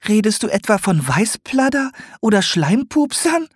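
A man reading an audiobook, voicing a jittery young female owl trader in a shrill, excitable voice. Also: normal speed, no room sound, clean studio sound. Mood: shocked. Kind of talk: audiobook character voice.

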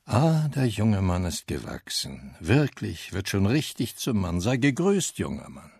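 A man's voice: lowish voice, huge pitch swings, measured pace, gravelly, darkish tone, slightly rough, no room sound, clean studio sound, heavily acted. A man playing a stiff, mock-jocular official.

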